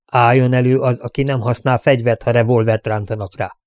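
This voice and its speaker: A man's voice: mid-range voice, flat delivery, a little mellow, no room sound, lightly acted. A man voicing a stern, commanding frontier sheriff who questions and challenges a crowd, in a dry recording. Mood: challenging.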